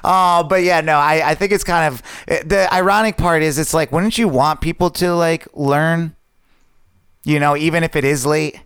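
A man's voice: fairly high pitch, steady tone, moderate pace, a bit bright, smooth, dry recording, studio quality. A man co-hosting a podcast in casual chat, rambling a little and laughing easily. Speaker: podcast co-host.

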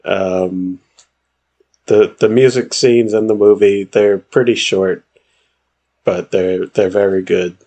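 A man co-hosts a podcast in relaxed chat, throwing in jokes and laughing at his own puns. His voice sits low. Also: slow, long pauses. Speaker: podcast co-host. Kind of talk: casual chat.

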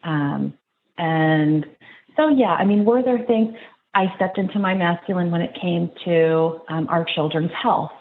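Low-voiced woman guest, phone line. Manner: halting and reflective, many restarts. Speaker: podcast guest. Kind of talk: reflective interview talk. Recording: tinny phone-like line, faint noise.

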